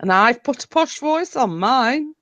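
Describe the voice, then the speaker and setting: A woman co-hosts a relaxed live stream, chatting and reading viewer comments aloud. Her voice sits high, and she talks at an unhurried, slow pace. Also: dull audio. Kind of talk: casual live-stream chat.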